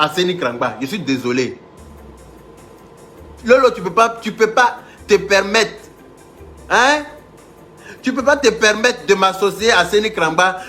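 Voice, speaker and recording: A man's voice: on the high side, bright, forceful tone. A man hosting a live stream, mocking a rival and calling on viewers, stammering through restarts.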